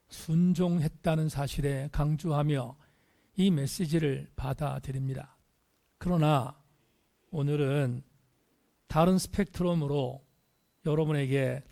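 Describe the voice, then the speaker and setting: A male pastor preaching in a church sanctuary, his fairly high voice carrying a gravelly edge. He lays out his sermon in short, measured phrases and repeats key words. He builds in volume on the points he wants to drive home. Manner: emphatic, repeats key phrases and swells louder on them; measured, phrase-by-phrase delivery with pauses.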